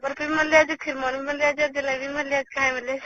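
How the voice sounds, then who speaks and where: A woman with a Rajasthani accent chats casually and privately as a caller on the phone, her high voice level and at a normal speed. The call sounds dull and lo-fi, with background noise.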